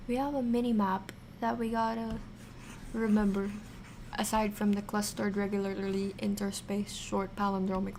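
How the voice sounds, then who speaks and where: A woman hosting a casual livestream science lesson, thinking aloud haltingly and repeating key terms as she chats with viewers. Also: mid-range voice, a little mellow, a little hiss or hum. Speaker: science streamer, virtual avatar host.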